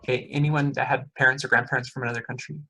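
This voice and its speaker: A racing, sharp-toned man's voice with little pitch movement sits in the mid-range. He's a middle-aged economics professor, friendly and chatty in a loose lecture, firing questions at the audience amid many uhs and okays. Audio quality is poor.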